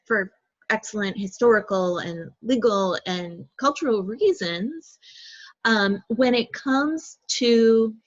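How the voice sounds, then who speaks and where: A woman moderating a panel discussion, speaking in a thoughtful, measured way with frequent pauses and fillers. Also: on the high side, no room sound. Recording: dull lo-fi dry sound.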